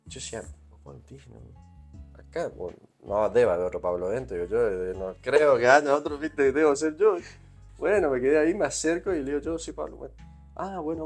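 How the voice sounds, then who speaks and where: An Argentine man from Corrientes who speaks in a mid-range voice and tells loose, rambling anecdotes. He keeps asking "¿viste?" as he goes, in a relaxed interview chat. Faint music plays underneath. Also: medium pitch, gravelly. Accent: Argentine Spanish, Corrientes. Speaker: guest musician. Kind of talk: casual interview storytelling.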